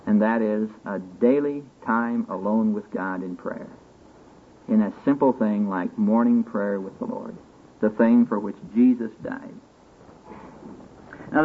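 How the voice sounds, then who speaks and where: Guy preaching to a group, folksy storyteller type who can get booming and motivational, thin phone-like sound w some hiss. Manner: folksy, rhetorical questions to the listeners. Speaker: preacher at a church retreat session. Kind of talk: sermon, conversational teaching with storytelling. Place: live talk to a seated group. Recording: tinny band-limited old recording with hiss.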